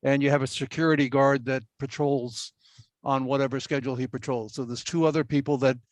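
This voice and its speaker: A man's voice: mid-range voice, fairly even intonation, a little fast, dry recording. A man questioning a witness as a commissioner, phrasing his questions carefully with small stops. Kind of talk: questioning at a hearing.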